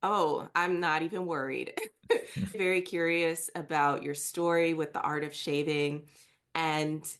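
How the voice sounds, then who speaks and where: A woman hosting a podcast, asking curious, friendly questions in a conversational interview. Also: deep voice. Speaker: podcast host.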